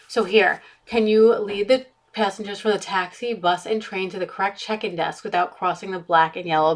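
A woman's voice: lowish voice, fairly bright tone. Young woman, friendly show-and-tell host, webcam at home. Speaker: book consultant. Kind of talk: product review. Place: home playroom with bookshelves.

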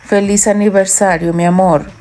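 A woman's voice: medium pitch, flat delivery, normal speed, warm tone, lightly acted. A woman voicing a cheerful, affectionate young wife in an audiobook romance.

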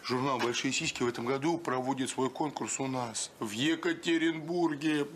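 An actor playing an excitable, gullible family man in a sitcom, with a whiny, incredulous delivery. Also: mid-range voice, normal speed, close to an everyday voice. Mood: eager. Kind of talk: sitcom acting. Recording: noisy TV soundtrack.

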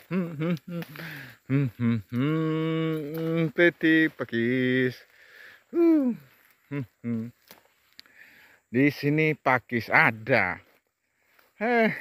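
A man vlogging outdoors in an oil palm plantation, chatting casually as he walks. He hums a lot and repeats words in a slow, drawn-out way. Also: medium pitch, a bit bright.

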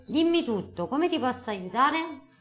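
A woman's voice: high-pitched, animated, measured pace, faint music behind. A middle-aged woman hosting a live call-in card reading, emphatic and affectionate, using endearments. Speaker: host, tarot card reader. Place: TV studio. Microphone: lapel mic.

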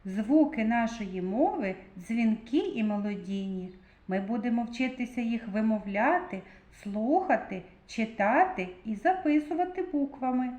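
A woman's voice: a little high, animated, mellow. Sing-song woman teaching small children. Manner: exaggerated, drawn-out stressed sounds. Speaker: kindergarten teacher. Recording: echoey room.

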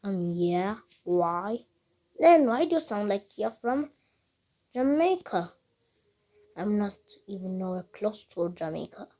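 Slow-talking woman in rambling game chat. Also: medium pitch, big pitch swings, warm tone. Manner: rambling, repetitive, halting restarts.

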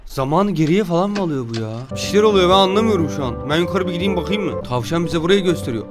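A young man doing excited gameplay commentary, jumping from loud yells and curses at the game to low muttering. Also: quick pace, music in the background. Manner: jumpy, yells and swears at the game, then mutters. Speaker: gaming YouTuber.

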